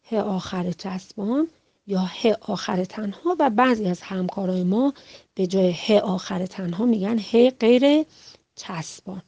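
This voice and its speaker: A woman giving an instructional lecture to teachers, slowly and deliberately sounding out letters one at a time. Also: mid-range voice, dark tone, no echo, muffled recording. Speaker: teacher trainer.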